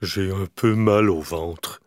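A man's voice: sits low, fairly even intonation, slow, no echo. A man doing a weepy little bear cub. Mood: timid.

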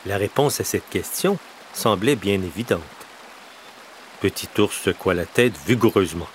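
A man reading a children's story aloud, slow and expressive. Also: on the low side, slight background noise.

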